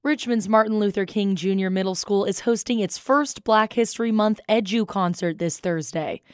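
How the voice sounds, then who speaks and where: A woman's voice: medium pitch, moderate pace, clear, resonant tone, no echo. Dry studio woman news anchor. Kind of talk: scripted radio news reading.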